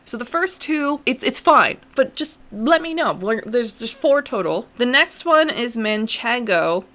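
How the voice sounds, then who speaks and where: A woman's voice: on the high side, animated, unhurried, bright, forceful tone. A young adult woman hosting a podcast, chatting casually and poking fun at herself. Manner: chatty, self-deprecating, laughs often. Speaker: podcast host. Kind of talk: casual chat.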